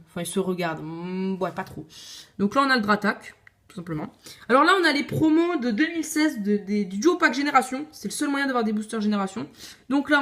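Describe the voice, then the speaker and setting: A woman casually showing her card collection on video, chatty and opinionated, with frequent hesitations. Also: on the high side. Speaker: video creator.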